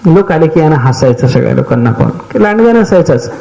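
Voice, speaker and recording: A man's voice: fairly high pitch, sing-song, a little fast, vocal fry, dark tone, rough recording. An older man giving a devotional discourse, explaining terms step by step and telling stories, often asking his listeners if they follow. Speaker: spiritual teacher giving a discourse.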